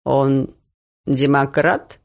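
A suspicious, grumbling old uncle from a storybook reading, voiced by a woman. He speaks low and slow, picking at everyone he doesn't trust. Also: flat delivery, creaky, full character voice. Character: gruff older man, suspicious, grumbling uncle.

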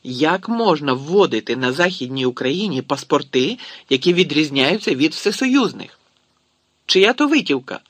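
A man's voice: a little high, animated, normal speed, long pauses, a bit bright, dry recording. A man voicing a brusque, commanding Soviet security general who fires off curt questions. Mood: indignant.

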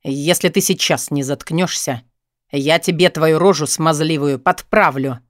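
A man voicing a sullen, weary young man who answers bluntly and flatly. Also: a little high, unhurried, no echo, clean studio sound. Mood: weary, curt. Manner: flat, terse, irritated.

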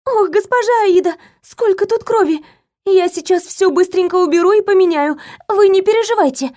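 Woman doing a chirpy high-voiced young maid. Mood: fussy alarm. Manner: rapid chattering. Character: chirpy young female maid, fussy and kind.

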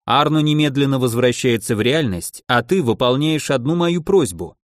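A man's voice: mid-range voice, expressive, moderate pace, no room sound, studio quality, lightly acted. A man voicing a cool, calculating male mage who speaks in a level, composed way.

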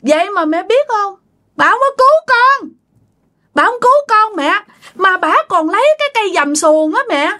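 A woman's voice: lively intonation, moderate pace, bright, forceful tone, exaggerated voice. Woman doing a wailing drowned child ghost. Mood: pleading. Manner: high wailing child's voice, pleading. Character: drowned little boy ghost, cold, hungry, pleading.

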